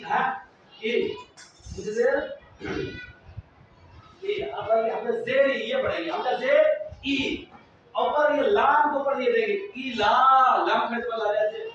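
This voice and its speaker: A man teaching children to read the Quran, asking questions and repeating them, drawing out each sound slowly. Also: extremely high pitch. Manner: slow, drawn-out pronunciation drills. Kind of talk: classroom lesson. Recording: very echoey, distant, muffled, slight noise.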